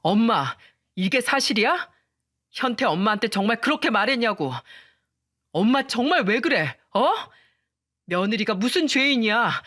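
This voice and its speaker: A woman's voice: fairly high pitch, a bit bright, no echo, studio quality, pitched above the performer's own voice. A woman voicing a young husband who pleads with his wife and argues with his mother. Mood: upset. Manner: urgent, pleading.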